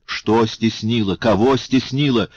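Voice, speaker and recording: A man's voice: fairly low pitch, animated, measured pace, darkish tone, slightly rough, no echo. A man reading an audiobook, voicing a passionate, grateful young man in a raised, exclaiming voice. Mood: indignant. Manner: impassioned, exclaiming, pleading. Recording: dull lo-fi audiobook recording.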